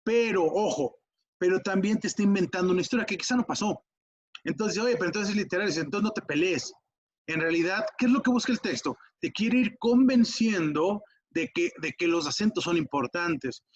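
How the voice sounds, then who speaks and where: A Mexican-accented man teaches an exam-prep lesson in a relaxed, conversational tone, with a fairly high, husky voice. The recording is dry and a little dull, like a home setup. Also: no echo. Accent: Mexican Spanish. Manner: casual, chatty, asks quick checks like ok and va.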